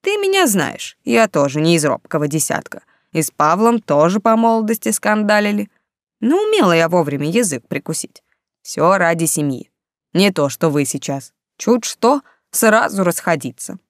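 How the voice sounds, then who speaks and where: A woman's voice: lowish voice, sing-song, normal speed, dry recording. A woman voicing an elderly grandmother who lectures her granddaughters in homespun sayings, read in a dry, close recording. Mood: lecturing.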